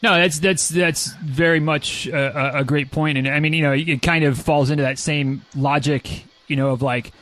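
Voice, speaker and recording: Higher-voiced man, rambling podcast host. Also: fairly even intonation, normal speed, few pauses, fairly bright tone, no echo. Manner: rambling, repeats words while forming questions. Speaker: podcast host, running coach. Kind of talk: casual interview conversation.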